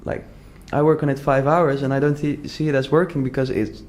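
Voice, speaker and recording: A young Dutch entrepreneur tells his story in a loose, earnest interview, rambling and circling back as he thinks aloud with many "like" fillers and false starts. His voice is middling in pitch and darkish, level in tone and fairly quick.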